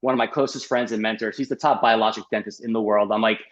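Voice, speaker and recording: A middle-aged man, a doctor as guest, telling his story in a lively podcast interview, full of fillers and "like". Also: fairly low pitch, quick pace, highs cut off. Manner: animated, uses many fillers and "like".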